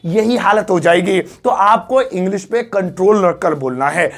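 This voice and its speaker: A man's voice: sits high, a little slow. A young man teaching an English lesson in casual, joking chat. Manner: chatty, joking, playful asides. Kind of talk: casual Hindi video lesson.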